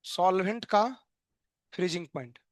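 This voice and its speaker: A man's voice: sits high, moderate pace, no echo, clean studio sound. A male chemistry teacher, giving a live online lecture in a playful, joking way and asking students questions that he answers himself.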